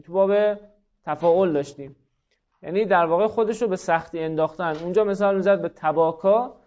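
A man's voice: high voice, darkish tone. A man teaching a class, explaining step by step, often repeating himself and putting questions to his students. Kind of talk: classroom lecture. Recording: dull lo-fi recording.

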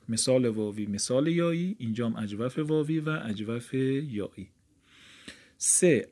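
A man's voice: mid-range voice, a little mellow. A man teaching grammar from a textbook. He reads passages aloud and then explains them in casual speech.

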